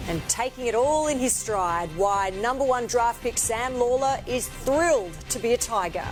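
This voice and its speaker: A woman's voice: on the high side, expressive, moderate pace. An Australian woman reading scripted tabloid TV news headlines in a dramatic, emphatic way. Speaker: television news presenter. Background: news theme music.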